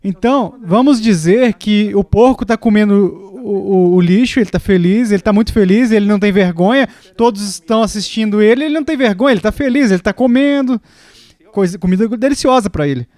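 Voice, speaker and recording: High-voiced man preaching in a dry room. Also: brisk, a little mellow, no echo. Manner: storytelling with acted quotes, rising pitch in the quoted lines. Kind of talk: sermon.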